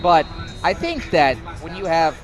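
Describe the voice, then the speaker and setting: A young man giving live college football play-by-play, excitable, rising to shouts on big plays and sometimes stumbling over his words. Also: a little high, unhurried, over music. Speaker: play-by-play commentator.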